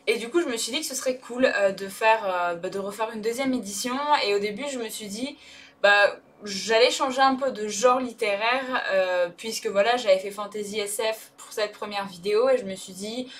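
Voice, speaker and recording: A woman book vlogger talking casually about books she wants to read, hesitant and chatty with lots of fillers and restarts. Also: mid-range voice. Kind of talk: casual vlog chat.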